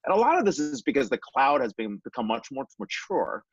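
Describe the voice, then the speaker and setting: Lively, husky-voiced male host. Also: medium pitch, dry recording. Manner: animated, quick questions with frequent fillers. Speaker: show host. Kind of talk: casual interview chat. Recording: dull lo-fi call audio, dry.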